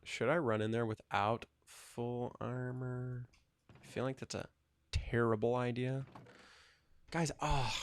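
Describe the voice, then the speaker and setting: A man's voice: mid-range voice, vocal fry, dry recording. A man in his twenties rambling casually while playing a video game, thinking aloud with lots of fillers. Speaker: gaming channel host.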